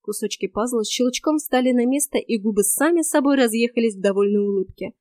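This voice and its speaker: Female audiobook narrator, lively expressive read, bright-ish voice, dry close studio sound. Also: fairly high pitch, fairly quick, no echo. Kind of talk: first-person audiobook narration.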